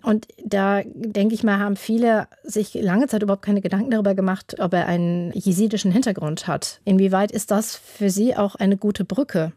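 Mellow woman interviewer, dry sound. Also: medium pitch, steady tone, moderate pace, few pauses, no echo. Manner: composed, long framed questions. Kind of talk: broadcast interview questions.

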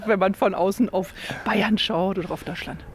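A male interviewer asks chatty questions outdoors, tagging his sentences with fillers. His voice is high, and faint outdoor ambience is heard behind him. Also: steady tone, moderate pace, a little hiss or hum. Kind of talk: street interview. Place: outdoors on a fairground.

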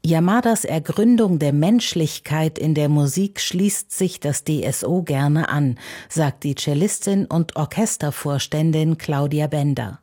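A woman reporter reading scripted news narration in a clear, even way. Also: low-pitched, unhurried.

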